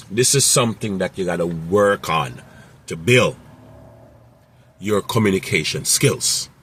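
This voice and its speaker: A man's voice: sits low, sharp tone, slight background noise. A man who runs a mobile mechanic business, giving casual, rambling advice with many fillers and repeated phrases.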